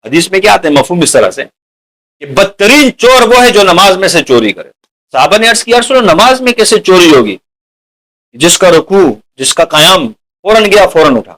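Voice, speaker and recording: A man's voice: sits high, big pitch swings, fairly bright tone, low-quality recording. A man preaching a sermon to an audience, asking them rhetorical questions and calling them dear companions. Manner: addresses listeners as dear companions.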